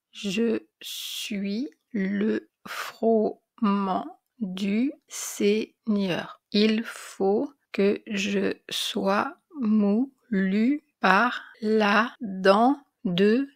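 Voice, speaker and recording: A woman voicing a little orphan girl who reads aloud very slowly, stopping at every syllable, in a storybook reading. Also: mid-range voice, creaky, no room sound.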